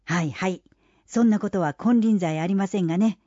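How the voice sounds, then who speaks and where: A reader voicing a brisk woman innkeeper who speaks politely with a chirpy, teasing edge in an audiobook. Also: mid-range voice, warm tone, no room sound, lo-fi sound, pitched above the performer's own voice, lightly acted.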